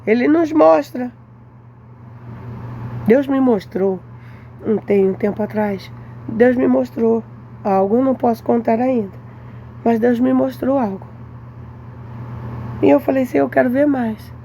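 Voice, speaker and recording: A Brazilian woman giving a devotional testimony to viewers, telling a lively story and acting out her mother's lines. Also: a little high, measured pace, gravelly, pauses often, a little hiss or hum. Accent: Brazilian Portuguese.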